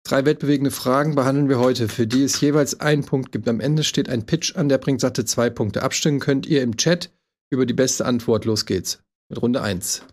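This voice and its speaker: A man moderating a comedy debate panel, reading out the rundown in a deadpan, dry way. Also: medium pitch, moderate pace.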